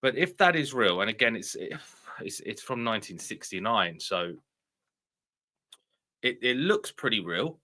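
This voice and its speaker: A man hosting a video with casual, speculative commentary, often halting and repeating his phrases. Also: fairly low pitch, very animated, bright, forceful tone. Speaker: video host.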